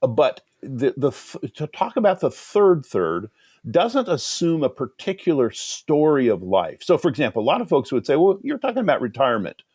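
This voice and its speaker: A man in his sixties, a guest on a podcast, talking in an animated, storytelling way that often restarts mid-sentence. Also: mid-range voice, moderate pace, slightly rough, dry recording, studio quality. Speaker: guest, author. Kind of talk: conversational interview.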